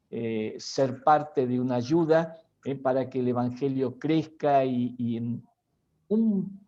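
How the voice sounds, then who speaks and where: A man introducing speakers at a church missionary conference, halting with frequent tag questions. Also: mid-range voice, mellow, muffled recording. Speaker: pastor.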